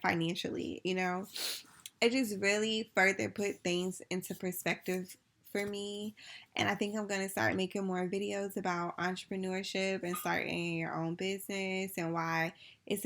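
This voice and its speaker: A woman's voice: on the low side, creaky, fairly bright tone. A woman vlogger chatting casually to her viewers, rambling with lots of fillers, a little sleepy. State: sleepy after wine.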